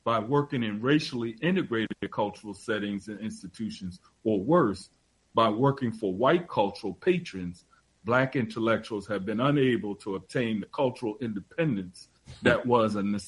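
A man hosting a discussion, speaking in a measured way with many hesitations and reading quotes aloud. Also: fairly low pitch, slightly rough, low-quality recording.

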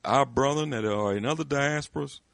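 A man's voice: mid-range voice, fairly quick, gravelly, a bit bright, no echo. A man speaking with emphatic conviction in a discussion, often restarting his sentences. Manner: emphatic, repetitive restarts, rising intensity. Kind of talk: impassioned discussion.

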